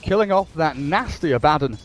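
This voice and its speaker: A man giving animated live play-by-play commentary on a video game match as an esports caster. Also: a little high, fairly quick, noisy background. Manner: animated play-by-play, rising with the action.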